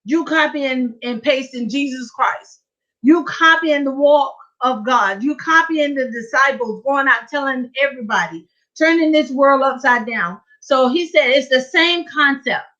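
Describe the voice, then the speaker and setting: A woman giving a lively testimony at a church prayer service, telling her story with animated energy. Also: sits high, measured pace. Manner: lively storytelling, acting out her own excitement. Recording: dull lo-fi church livestream.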